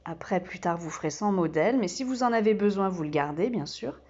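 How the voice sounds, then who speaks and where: A woman who teaches kindergarten, giving a slow and patient step-by-step demonstration full of small fillers. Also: lowish voice, lively intonation, darkish tone, husky, muffled recording.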